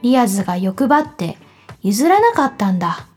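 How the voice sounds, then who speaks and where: A woman's voice: mid-range voice, big pitch swings, normal speed, a little mellow, faint music behind. Give me a woman playing a boy grumbling that it was his turn. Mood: aggrieved. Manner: aggrieved, complaining. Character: complaining young boy.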